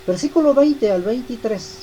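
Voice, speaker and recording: A woman's voice: on the high side, expressive, moderate pace, dark tone, highs cut off, a little hiss or hum. A woman giving a devotional Bible teaching, speaking emphatically and repeating key phrases.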